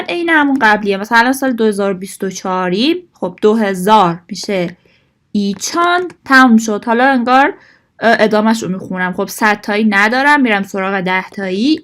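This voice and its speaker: A woman's voice: medium pitch, a bit bright. A woman teaching a Korean language lesson, explaining patiently and mixing Korean phrases into her explanations. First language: Persian.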